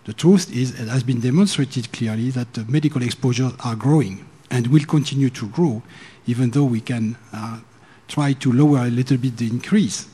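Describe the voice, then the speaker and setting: A man making a measured, earnest comment from the floor at a conference. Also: mid-range voice, mellow, husky. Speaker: commissioner speaking from the floor. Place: conference hall.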